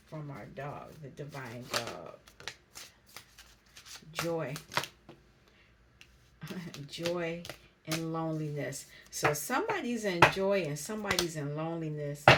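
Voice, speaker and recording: A woman with a low voice gives a spiritual card reading straight to her camera. She talks slowly and reflectively and reads each card's meaning aloud in an even, gentle flow. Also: very noisy. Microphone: camera mic.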